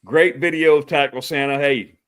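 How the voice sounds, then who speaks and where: With a slightly high, clear, resonant voice that's fairly bright and brisk, a man from Texas hosts a casual livestream talk show. He greets viewers by name in a friendly manner, calling them brother and chuckling often.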